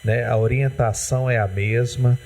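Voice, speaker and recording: A Brazilian TV host with a mid-range, darkish voice speaks at a normal speed in a steady tone. He's interviewing a guest in a studio for a community television health segment, and his questions wander and hesitate, full of "né."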